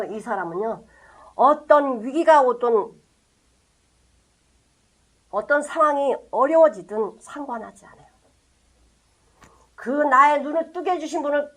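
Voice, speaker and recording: A woman pastor giving a sermon, speaking emphatically and asking rhetorical questions, her voice swinging between loud passages and hushed ones. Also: sits high.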